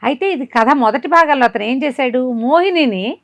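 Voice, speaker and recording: Here a storyteller with a high-pitched voice retells a folk tale to a listener at a moderate pace, acting out the quoted dialogue with animation. The recording has no room sound.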